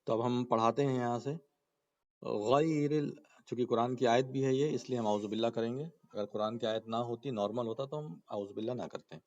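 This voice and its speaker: A man's voice: medium pitch, few pauses, a little mellow, lo-fi sound. Man teaching Quran reading. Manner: explains patiently, repeats points and asks the class questions. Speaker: Quran recitation and tajweed teacher. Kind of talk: spoken lesson with slow chanted recitation examples.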